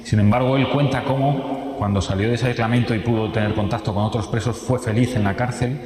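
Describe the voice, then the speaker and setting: A man's voice: medium pitch, steady tone, brisk, a little mellow. A man from Spain with a Spanish accent, telling a story in a testimony talk, vivid and repeating phrases as he goes. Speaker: speaker giving a testimony. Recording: echoey hall with long reverb.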